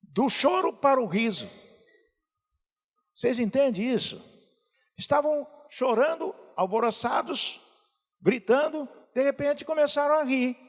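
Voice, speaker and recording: A man's voice: very high-pitched, animated, measured pace, pauses often. A male pastor preaching a sermon, asking the congregation questions as he goes. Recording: hall reverb.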